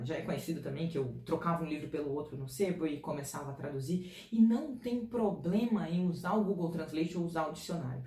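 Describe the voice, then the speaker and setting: A woman from Brazil talks through career tips in a chatty, informal way, her voice mellow and a little dark. She sits away from the mic in a room with a noticeable echo. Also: fairly low pitch. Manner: chatty and informal, direct advice. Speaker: career advice vlogger. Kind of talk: casual career-advice talk to camera. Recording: distant mic in an echoey room.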